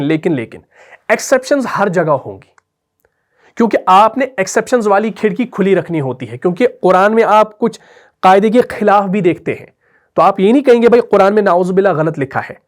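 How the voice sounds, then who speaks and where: A man teaching a Quran recitation lesson in Urdu with a Pakistani accent, patiently repeating each rule and asking his students whether they follow. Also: high-pitched. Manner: patient, repeats key rules and checks understanding with questions. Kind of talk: tajweed lesson explained while writing on a board.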